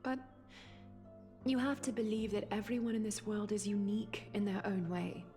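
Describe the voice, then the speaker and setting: An actress playing a serene, noble female leader in a video game, speaking in a solemn, measured way. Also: medium pitch, little pitch movement, warm tone, soft background music, natural voice. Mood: solemn, encouraging.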